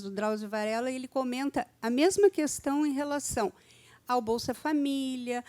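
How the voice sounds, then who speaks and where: A woman's voice: sits high, a little mellow. An older woman, a retired university lecturer, asking an author an earnest, winding question from the audience.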